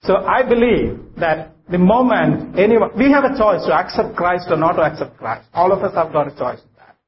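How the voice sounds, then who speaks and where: Male preacher, South Indian accent, slightly high voice, halting and repetitive delivery, dull live church recording with some noise. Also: animated. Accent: South Indian English. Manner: halting, repeats phrases for emphasis. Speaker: guest preacher. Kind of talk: sermon. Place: church service. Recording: muffled, noisy live recording.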